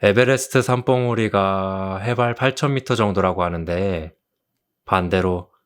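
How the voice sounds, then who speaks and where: A man doing an ASMR role-play as a kind therapist, speaking gently and consolingly like a tender romantic leading man. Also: deep voice, clean tone. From South Korea. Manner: gentle, consoling, slow storytelling. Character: kind, soothing male therapist comforting a patient. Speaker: ASMR role-play performer as a counseling doctor.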